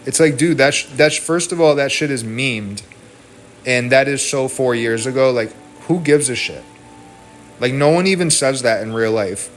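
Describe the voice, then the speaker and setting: A man's voice: medium pitch, moderate pace, faint music behind. A man streaming from home, delivering a heated, profane, rambling rant into a desk mic. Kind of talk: ranting stream talk.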